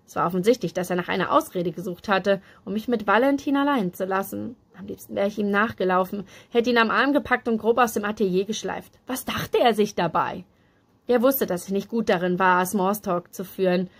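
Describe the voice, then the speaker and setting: A woman reading a novel aloud in steady, even storytelling narration. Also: medium pitch, fairly quick, few pauses. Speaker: book reader.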